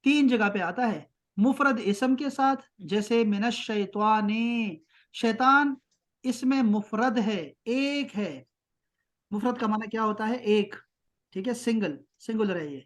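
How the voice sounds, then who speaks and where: A man teaching an online grammar class. He keeps checking that students follow and slows right down to spell out terms. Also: sits high, expressive. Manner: patient, keeps checking with "ٹھیک ہے؟".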